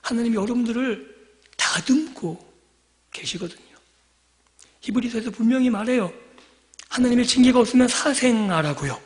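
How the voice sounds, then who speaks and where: A man preaching a sermon in a church sanctuary, his voice sitting unusually high for a man. The long reverb of the hall trails after each phrase. He fires rhetorical questions at the congregation and sinks from forceful emphasis to hushed, whispered line endings. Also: normal speed, pauses often. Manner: swings from loud emphatic lines to near-whispered endings. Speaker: pastor.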